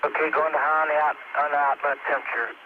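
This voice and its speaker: A man's voice: fairly high pitch, level tone, quick pace, narrow, tinny audio, a little hiss or hum. A male astronaut talking informally and matter-of-factly over a spacecraft radio link. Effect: radio transmission. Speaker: astronaut aboard a space shuttle. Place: inside a spacecraft.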